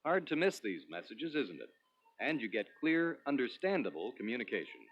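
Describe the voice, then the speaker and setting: A man presenting a product demonstration in a scripted, instructional promotional narration with clearly structured delivery. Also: medium pitch, sing-song, moderate pace, faint music behind. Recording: dull lo-fi 1980s demo recording.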